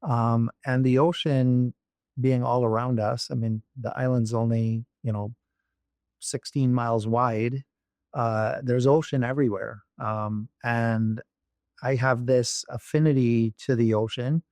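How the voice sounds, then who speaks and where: Speaking in a mid-range, somewhat mellow voice with fairly even intonation, a Barbadian executive talks at a measured pace as an interview guest. His thoughtful answers contain many fillers and restarts, and the recording has no echo.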